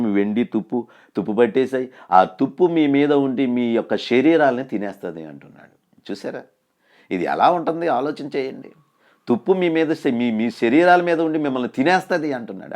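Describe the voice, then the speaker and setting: Man, lowish voice, sermon, direct questions, loud quotes and hushed pleas. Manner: rises loud for quoted scripture and drops to a low hush for pleas; asks the listener direct questions. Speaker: preacher.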